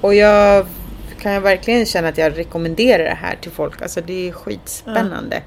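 Chatty woman with a low voice. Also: a little hiss or hum. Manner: chatty, many fillers, acts out quotes. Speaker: guest telling her experience. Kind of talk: casual chat.

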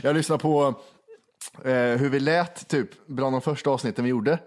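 A man's voice: mid-range voice, fairly even intonation. Joking Värmland man, podcast co-host. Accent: Värmland Swedish. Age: 30s. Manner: joking, self-mocking, swears casually. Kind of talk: casual chat.

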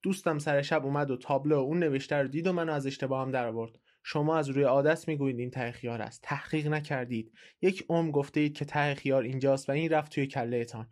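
A man's voice: medium pitch, steady tone, darkish tone, lightly acted. A man voicing a stubborn 75-year-old professor who speaks earnestly and insists he is right. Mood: insistent.

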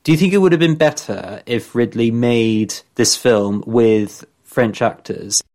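A man's voice: medium pitch, measured pace, a little mellow. A man co-hosting a film podcast, speaking plainly. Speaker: podcast co-host. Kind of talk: casual chat.

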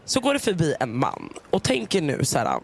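A woman hosting a podcast, telling a story in a lively, animated way and acting out what everyone said. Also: deep voice, creaky, slight background noise. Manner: animated storyteller, acts out quotes. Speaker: podcast host. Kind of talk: casual chat, storytelling.

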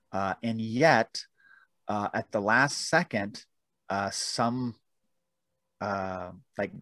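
A man's voice: fairly low pitch, a bit bright, no room sound. A man guest telling rambling, self-deprecating stories about his book in a casual interview, with frequent restarts. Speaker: author guest.

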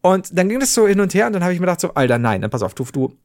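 A man hosting a podcast, telling a story in casual chat and acting out the quoted dialogue with big leaps in pitch, swearing casually. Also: sing-song, rapid-fire, a little mellow. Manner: swears casually, rambling restarts. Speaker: podcast host.

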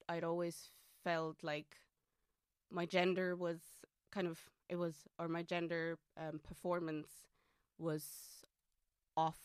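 A non-binary guest in their late twenties from Austria, a native German speaker with an Austrian German accent, chats casually and thoughtfully in an interview, using lots of fillers and restarts. Their voice sounds feminine and female, lowish, clear and resonant. The recording is studio quality with no room sound.

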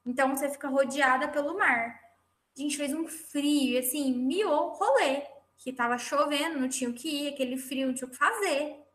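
A woman with a high, bright voice chats casually, telling stories with dramatic flair. She sounds like a teacher among friends, and her voice carries a roomy echo. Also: a little fast. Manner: animated, dramatic storytelling. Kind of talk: casual chat.

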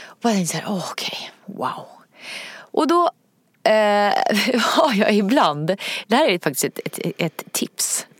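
A woman's voice: medium pitch, very animated, no echo, studio quality. A woman chatting casually as a podcast co-host, telling stories animatedly, acting out quoted voices and laughing often. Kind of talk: casual chat.

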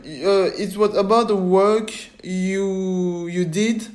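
A woman hosting a podcast interview, speaking halting English with many fillers. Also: mid-range voice, fairly even intonation, darkish tone. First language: French. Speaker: podcast host. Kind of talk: casual interview.

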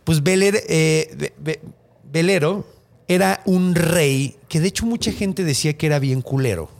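A man's voice: fairly high pitch, measured pace, gravelly. A Mexican man hosting a podcast, retelling a Greek myth in a slangy, joking way and laughing often. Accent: Mexican Spanish. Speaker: podcast host.

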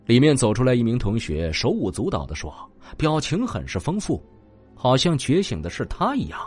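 Husky-voiced man telling a story. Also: medium pitch, moderate pace, faint music behind. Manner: expressive storytelling. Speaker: audiobook narrator. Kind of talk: scripted narration of a web novel.

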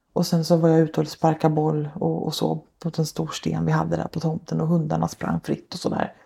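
A woman speaks low and dark, with a gravelly fry running through her words. She is a social worker who is a guest on a podcast. She tells her own past earnestly, step by step, and leans on many small fillers. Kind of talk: personal account in a podcast interview.

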